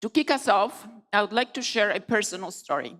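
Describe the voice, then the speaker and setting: A woman's voice: medium pitch, very animated, fairly bright tone. Woman giving a speech in a reverberant hall. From Poland. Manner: measured, emphatic delivery with deliberate pauses. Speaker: conference co-founder giving opening speech. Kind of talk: formal opening speech. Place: large conference hall.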